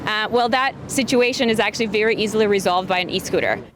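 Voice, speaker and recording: A woman's voice: mid-range voice, fast talker. A woman company executive giving an unscripted interview answer. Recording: outdoor urban traffic noise.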